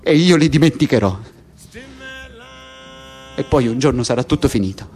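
A man with a medium-pitched, slightly mellow voice, close to everyday speech, plays a despairing political prisoner, animated and at a moderate pace. Insistent and repetitive, he addresses his cellmate in resigned hopelessness. Soft music plays in the background of this intense naturalistic radio drama.

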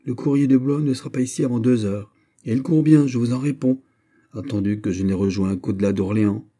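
A man's voice: mid-range voice, fairly quick, dark tone, voice pushed up, close to an everyday voice. A man voicing a bold, bantering veteran musketeer in an audiobook, teasing and familiar, voice raised above his narration. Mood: hearty. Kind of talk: audiobook character voice.

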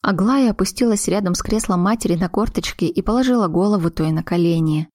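A woman narrating an audiobook in a steady, measured reading. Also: mid-range voice, no echo, studio quality. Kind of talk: scripted narration.

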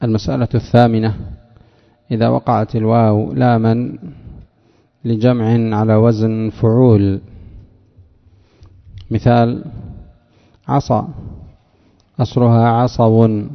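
Male teacher, mid-pitched, drawn-out examples, questions answered himself, dull lo-fi lecture recording. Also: little pitch movement, creaky. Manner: asks the class questions and answers them himself, drawls example words slowly. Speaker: teacher of Arabic morphology. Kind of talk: classroom lecture. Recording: dull lo-fi recording with long hall reverb.

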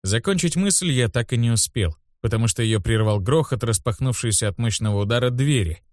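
A man narrating a first-person story at an even, measured pace. His voice sits in a middle register, recorded close on a dry studio mic. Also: medium pitch, dry recording. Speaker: audiobook narrator.

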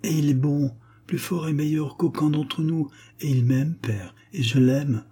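A man reading aloud, voicing a gentle, grieving young blind woman in a raised, tender pitch. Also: steady tone, moderate pace, breathy edge, natural voice. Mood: pleading. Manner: pleading, tender.

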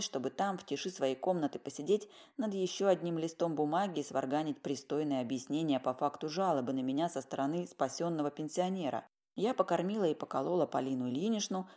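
A woman narrating a first-person audiobook in a wry, expressive way. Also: low-pitched.

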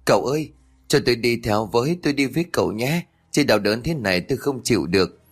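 A man's voice: medium pitch, lively intonation, slightly rough. A man voicing a frantic, grieving young woman. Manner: frantic, tearful, rushed.

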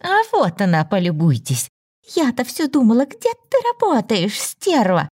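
A woman voicing a jealous middle-aged wife who screams accusations in a shrill, hysterical way. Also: huge pitch swings, normal speed, darkish tone, dry recording, clean studio sound. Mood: screaming.

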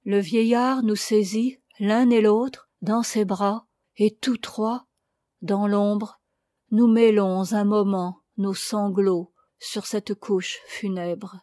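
A woman narrating a classic novel as an audiobook reader, in a measured, dramatic manner. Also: mid-range voice, steady tone, dark tone, dry recording, studio quality. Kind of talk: literary narration.

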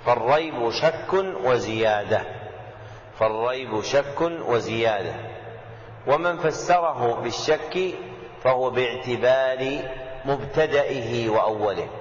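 Sheikh teaching in an echoey hall. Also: male voice, mid-range voice, slight background noise. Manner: measured, repeats key phrases for dictation. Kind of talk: classical Islamic lesson commentary. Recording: echoey hall, dull lo-fi audio.

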